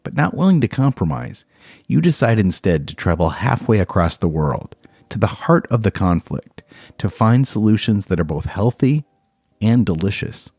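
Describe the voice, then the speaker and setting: Male podcast host, dramatic scripted teaser read; deep, warm, dry studio sound. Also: big pitch swings, moderate pace, slightly rough, no room sound. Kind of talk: scripted podcast intro narration.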